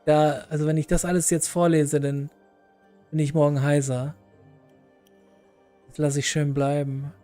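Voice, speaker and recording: A man commenting casually on a game he is playing, chatty and quick in bursts. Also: a little high, flat delivery, mellow, soft background music. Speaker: let's player.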